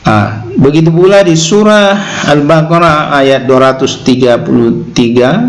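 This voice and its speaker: A man giving an Islamic teaching talk in an unhurried way. He tags his points with a short "ya" and recites Arabic verses slowly. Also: on the high side, vocal fry, a little hiss or hum, low-quality recording. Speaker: religious lecturer.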